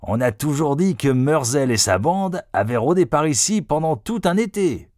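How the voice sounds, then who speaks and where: A greedy crook's sidekick, eager and excited, his voice pitched up and lively, as a man puts him on in a storybook reading. Dry, close sound with plenty of swing in the pitch. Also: moderate pace, no echo.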